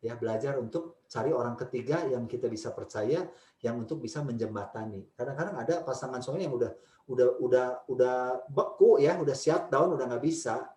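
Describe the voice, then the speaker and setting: A man answering questions as a speaker in a church family webinar, talking emphatically and stressing points with pitch. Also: a little fast, dark tone, echoey room. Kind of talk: webinar Q&A talk.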